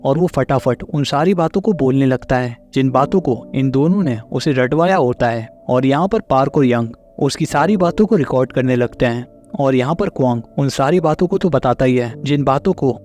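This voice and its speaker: A man with a Hindi accent recaps a film plot in an even, mid-pitched voice, stringing long sentences together at a steady storytelling flow. Soft music plays faintly underneath his scripted narration. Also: normal speed. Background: faint background music.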